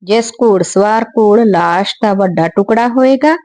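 A woman reading aloud the orders of a cruel, vengeful male Mughal governor in a storybook, speaking loudly and commandingly. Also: mid-range voice, a little slow, natural voice.

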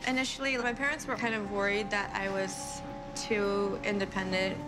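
Young woman restaurant owner, soft and earnest, music under it. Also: medium pitch, little pitch movement, moderate pace, poor audio. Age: young adult. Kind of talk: casual interview chat. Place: small bright café. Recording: music bed under the talk.

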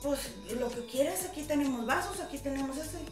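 A woman, a guest actress telling jokes in lively chat and laughing through her punchlines. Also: high-pitched, quick pace. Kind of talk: chatty joke-telling. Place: TV studio. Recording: echoey studio, far from mic, music behind.

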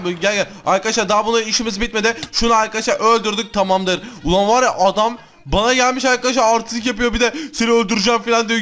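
A man hosting a gaming channel, giving excited gameplay commentary in a slangy way, constantly talking to his viewers. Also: high voice.

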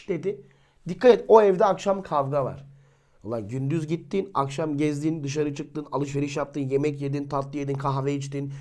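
A man giving an informal religious talk, speaking colloquially, asking his listeners rhetorical questions and acting out the people he describes. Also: a little high. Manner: lively, colloquial, acts out quoted people. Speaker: religious teacher.

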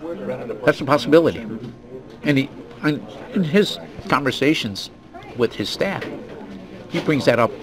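A man's voice: on the high side, animated, unhurried, long pauses. A man chatting casually about business in private, picked up by a hidden wire under clothes. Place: busy restaurant, indoors. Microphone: hidden body wire under clothes.

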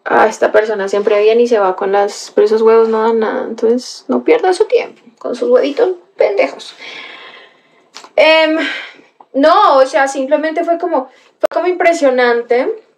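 Young woman, high voice, animated livestream chat host. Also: measured pace. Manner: animated storytelling with gasps and exclamations.

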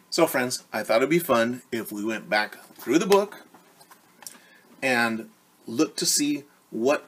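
This story-time read-aloud takes place indoors in a living room, where a teacher in his forties addresses young children directly and repeats important words. He has a mid-range, somewhat bright voice, and there's a little hiss or hum on the recording.

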